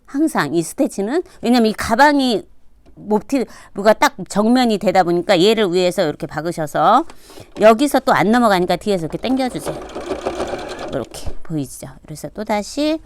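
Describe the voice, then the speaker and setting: A middle-aged woman teaching a sewing class, talking casually as she demonstrates each step and dropping to a quiet murmur while she stitches. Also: medium pitch, animated, moderate pace, slight background noise. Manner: demonstrative, repeats "like this" while working. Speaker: sewing instructor. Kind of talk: casual hands-on sewing tutorial. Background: sewing machine running.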